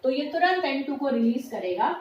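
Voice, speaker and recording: Her voice sits high and sing-song with a darkish tone, and the highs are cut off, as this middle-aged woman teaches chemistry at a normal speed. She explains patiently, mixes in English terms and calls students "beta," in an echoey room with faint noise.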